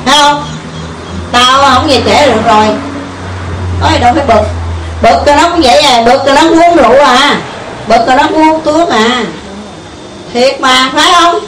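Woman, Southern Vietnamese accent, Buddhist teacher, high voice, echoey room, mic at a distance. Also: a little fast, fairly bright tone. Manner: conversational, keeps asking the listeners questions. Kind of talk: informal dharma talk to a group. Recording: echoey room, mic far off, faint hiss.

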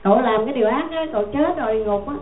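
A woman voicing a calm, gentle male monk who pleads softly. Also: a little high, fast, a little hiss or hum, natural voice. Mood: pleading. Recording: echoey tinny phone-like sound.

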